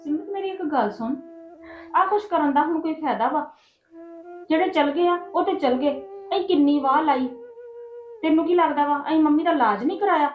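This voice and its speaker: A woman's voice: sits high, normal speed, muffled recording, natural voice. A middle-aged woman playing a weary sister-in-law who lectures about her debts. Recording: echoey room with soft music.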